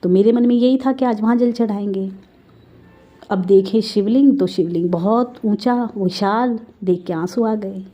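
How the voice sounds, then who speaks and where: Speaking unhurriedly in a mellow, medium-pitched voice, a woman shares her spiritual testimony with a congregation. She tells her story warmly and conversationally, often addressing listeners directly and mixing Hindi and English naturally. The recording is muffled.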